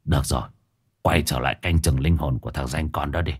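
A man voicing a grim old sorcerer, low and hushed. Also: a little fast, breathy edge. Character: scheming old male sorcerer, grim and commanding.

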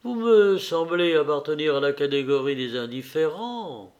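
A man voicing a weary, solemn high official who talks in a preaching way. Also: expressive, normal speed, dull audio, close to an everyday voice.

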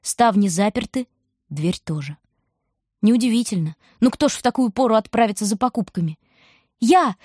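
A woman's voice: mid-range voice, brisk, dry recording. Woman narrating a storybook, dry sound. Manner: vivid, expressive storytelling. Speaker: audiobook narrator.

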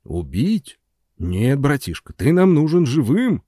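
A man voicing a smooth-talking, pushy film producer who coaxes and commands in an audiobook. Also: mid-range voice, very animated, slow pace, dark tone, no room sound, clean studio sound, exaggerated voice. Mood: coaxing. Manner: coaxing and commanding. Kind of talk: audiobook character voice.

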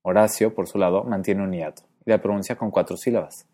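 A man teaching pronunciation in a clear, methodical way, slowing down to demonstrate sounds. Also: low voice, fairly even intonation, warm tone. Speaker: Spanish phonetics teacher. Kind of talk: explanatory lesson narration.

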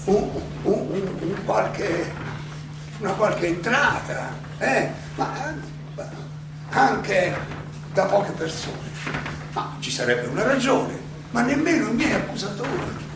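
A man playing Socrates, an aging Athenian philosopher defending himself in a theatrical monologue, halting and rhetorical, in an echoey, noisy recording made from a distance. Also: very high-pitched, vocal fry, exaggerated voice. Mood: wry, halting, then indignant. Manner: halting, rhetorical, addressing judges with pauses and repetitions.

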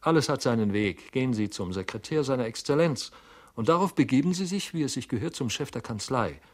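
A busy, self-important young clerk brushing someone off, as a man puts him on. His phrases are clipped and hurried, jumping up high in mock surprise. He sounds cool and formal throughout. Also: lively intonation, lightly acted. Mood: officious. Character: brisk, curt, officious young male clerk.

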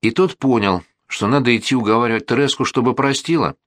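A man narrating a children's story as an audiobook in an even storytelling manner. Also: medium pitch, fast, dry recording, clean studio sound.

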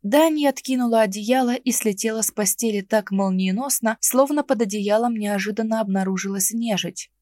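A woman reading a fantasy novel aloud in first person, lively and expressive. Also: on the high side, moderate pace, few pauses, dry recording. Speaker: audiobook reader. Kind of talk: audiobook narration.

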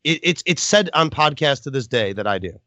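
A man's voice: mid-range voice, very animated, a little fast, bright, forceful tone, no room sound. A man hosting a casual podcast chat, rambling, swearing and laughing often. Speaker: podcast host.

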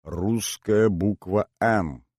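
A man's voice: on the low side, drawn-out words, a little mellow, no echo, clean studio sound, heavily acted. A man doing a teasing vice-consul. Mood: mocking. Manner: mocking, playful. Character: ironic male vice-consul, teasing and playful.

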